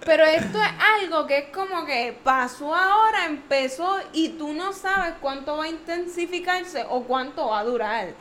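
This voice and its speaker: A young woman speaks with a Puerto Rican accent, her voice sitting high. She tells family stories with animation and mimics relatives, in a relaxed conversation. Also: moderate pace, hardly any pauses, slight background noise. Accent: Puerto Rican Spanish. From Puerto Rico. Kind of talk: casual chat.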